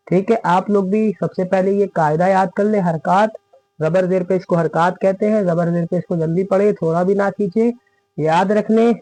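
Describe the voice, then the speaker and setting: High-voiced man teaching Quran reading. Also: a little mellow, no room sound, rough recording. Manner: explains step by step, checks in with listeners often. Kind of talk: spoken lesson with recited examples.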